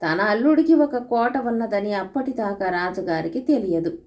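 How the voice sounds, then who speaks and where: A woman reads traditional folk tales aloud in a steady, expressive audiobook narration. Her voice sits at an ordinary middle pitch for a woman. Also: moderate pace. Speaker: storyteller.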